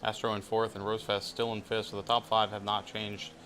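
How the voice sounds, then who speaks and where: A man's voice: lowish voice, little pitch movement, a little fast, a bit bright, slight background noise. A man giving live motorsport race commentary as a co-commentator.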